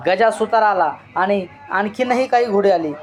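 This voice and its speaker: A man reading a novel aloud as an expressive storyteller, drawing out shouted cries. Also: high voice, moderate pace. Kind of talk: dramatic literary reading. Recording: dull lo-fi recording.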